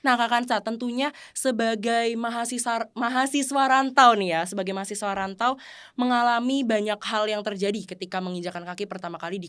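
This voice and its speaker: A woman's voice: medium pitch, a bit bright, smooth. A woman hosting a podcast interview, formal and polite, often addressing the listeners. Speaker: podcast host.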